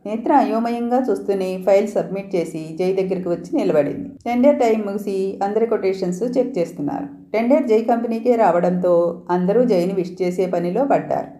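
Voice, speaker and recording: Woman reading a romance story, calm and even, deep mellow tone, echoey room.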